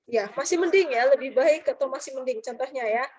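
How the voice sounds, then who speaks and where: A woman with a high voice runs an online grammar class. She quizzes her students and reads Japanese example sentences aloud between her explanations. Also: a little fast, a little mellow, husky, dull audio.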